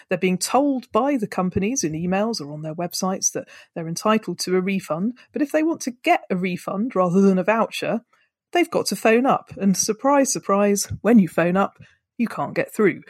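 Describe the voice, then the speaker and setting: A woman's voice: on the low side, no echo, clean studio sound. A woman with a British accent presenting a podcast and interviewing as its host.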